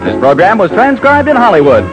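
A man's voice: high-pitched, huge pitch swings, brisk. A man reading a scripted radio announcement in a polished, emphatic announcer's manner, heard from an old broadcast disc transcription. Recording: dull lo-fi old radio transcription with music behind. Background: music.

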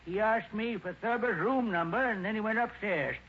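A man's voice: sits high, normal speed, lightly acted. A man playing a hard-of-hearing, rambling old country hotel keeper in 1940s radio comedy, repeating himself in rustic grammar. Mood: folksy, rambling. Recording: dull, faintly noisy old radio recording.

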